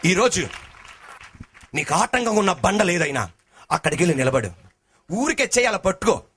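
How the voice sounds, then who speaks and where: A male pastor preaching a sermon, swinging between shouted sing-song lines and lower talk, calling the congregation to answer back. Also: big pitch swings, normal speed, some chatter behind, a little hiss or hum.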